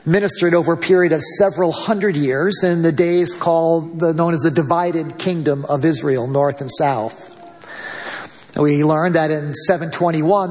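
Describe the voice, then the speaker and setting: A middle-aged man preaching a sermon as pastor, conversational with light humor and occasional stammered restarts. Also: fairly high pitch. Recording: long hall reverb.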